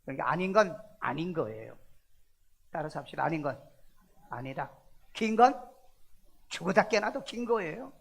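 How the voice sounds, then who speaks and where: A man's voice: on the high side, expressive, moderate pace, creaky, pauses often, slightly rough. A male pastor preaching a sermon in a church, emphatic and full of rhetorical questions. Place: church sanctuary.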